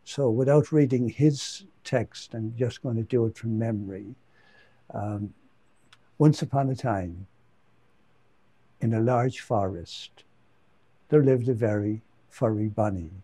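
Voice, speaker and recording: A priest recounts a children's story from memory during a homily in a mellow, dark, mid-pitched voice. He pauses often with fillers and repeats words as he goes. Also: slightly rough, dry recording.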